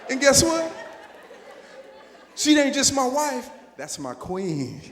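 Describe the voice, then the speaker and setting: A middle-aged man giving a motivational keynote in a preacher-like way, swinging from soft asides to shouted appeals. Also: extremely high pitch, wildly swooping pitch, slow pace, a faint crowd, a little hiss or hum. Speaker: motivational speaker. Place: large convocation hall. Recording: long hall reverb.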